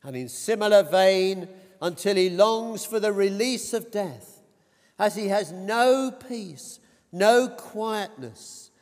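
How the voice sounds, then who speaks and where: A man with a high, light voice preaches a sermon at an unhurried pace. He speaks in a measured, deliberate way, lifting his voice on quoted cries. His words ring with the long reverb of a large church hall. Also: animated, a little mellow.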